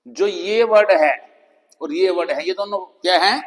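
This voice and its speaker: A man with a Hindi accent teaching English pronunciation, slowly spelling out letters and repeating example words one by one. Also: sits high. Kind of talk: classroom-style pronunciation lesson. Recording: long reverb of a hall-like room.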